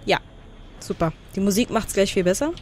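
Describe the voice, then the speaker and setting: A woman giving blind commentary on a video game, chatty, talking to the game and reading menu text out loud. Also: medium pitch, fairly quick, slight background noise. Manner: thinks aloud and reads game menu text out. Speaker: let's player.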